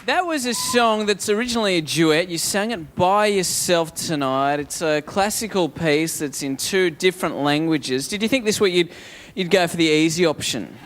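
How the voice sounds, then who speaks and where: A man's voice: high-pitched, lively intonation, moderate pace, few pauses, a bit bright. A man hosting a live TV talent show, presenting and interviewing on stage. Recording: TV studio with music and audience.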